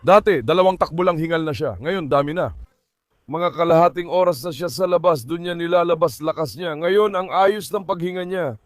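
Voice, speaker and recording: Lalaking mataas ang boses, nagkukuwento tungkol sa mga aso. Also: male voice, fairly high pitch, moderate pace, no echo, clean studio sound. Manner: talks to viewers and coaxes his dogs. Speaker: dog owner narrating his dogs. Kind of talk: casual vlog commentary.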